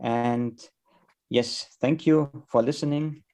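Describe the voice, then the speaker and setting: A man with a German accent giving a conference presentation in English, halting and searching for words as he goes. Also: mid-range voice, fairly even intonation, darkish tone. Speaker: conference speaker.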